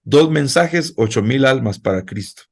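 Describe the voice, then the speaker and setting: A man's voice: mid-range voice, expressive, normal speed. A male pastor preaching a sermon in a conversational way, speaking directly to his congregation.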